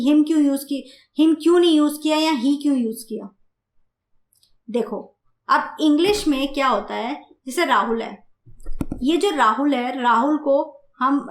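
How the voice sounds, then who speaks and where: A woman teaching German grammar in Hindi, speaking slowly, repeating points and asking her students questions. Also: high voice, reverberant. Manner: slow, repeats and asks the class questions. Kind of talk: grammar lesson explained in Hindi.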